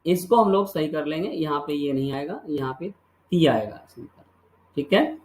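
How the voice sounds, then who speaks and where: A man's voice: a little high, animated, normal speed, a little mellow, reverberant, poor audio. A man teaching Sanskrit grammar in a video lesson. He asks questions and answers them himself, and drills the endings by repeating them. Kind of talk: classroom-style video lesson.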